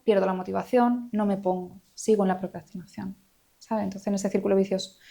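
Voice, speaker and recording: A woman speaks as a psychologist guest in a podcast interview. She talks in a reflective, explanatory way, at a medium pitch, pausing on fillers and tag questions as she works through her points. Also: mellow. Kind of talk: conversational interview.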